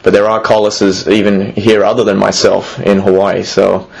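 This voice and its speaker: The interviewee is a museum executive from Australia in his thirties who answers haltingly, restarting often and leaning on fillers. His low-leaning, gravelly voice keeps a level tone at a moderate pace over a rough recording.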